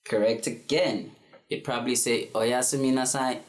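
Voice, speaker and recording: A man in his twenties from South Africa, working as a language tutor, runs a laid-back lesson for beginners with frequent ums and fillers. His voice is mid-range with fairly even intonation at a moderate pace, and the room echoes noticeably.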